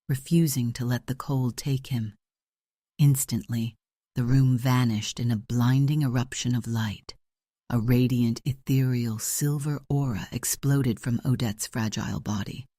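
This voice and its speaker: Mellow dark-toned male audiobook narrator. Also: mid-range voice, no echo, studio quality. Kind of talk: scripted romance audiobook narration.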